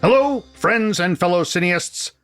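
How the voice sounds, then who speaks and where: A man's voice: high-pitched, lively intonation, measured pace, a bit bright, soft background music. A man doing a pompous exiled film critic. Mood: grandiose. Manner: grandiose, indignant speechifying. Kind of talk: comedic character bit.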